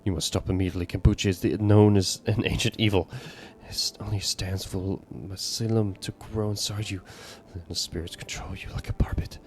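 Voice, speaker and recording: A man's voice: deep voice, steady tone, fairly quick, few pauses, darkish tone, a little hiss or hum. A man reading a shady male paranormal consultant in a video game, ominous then politely salesy. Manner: ominous warnings slipping into customer-service politeness.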